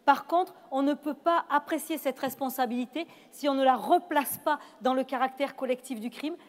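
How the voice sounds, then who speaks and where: Woman moderator, high voice, measured and reflective delivery. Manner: measured, reflective, with hesitant restarts. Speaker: panel moderator. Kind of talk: moderating a panel discussion. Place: event hall. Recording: long reverb of a hall.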